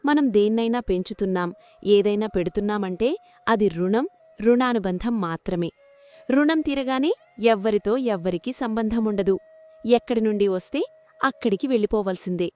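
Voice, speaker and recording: A woman voicing a shrewd village wife who lectures her husband with steady moral advice. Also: medium pitch, moderate pace, faint music behind, natural voice. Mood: lecturing.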